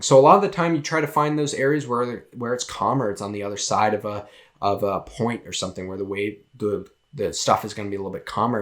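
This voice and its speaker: Young massachusetts guy chatting on his podcast, kinda low voice, lots of ums and restarts. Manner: rambling, many fillers and restarts. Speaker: podcast host. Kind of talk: casual solo podcast talk.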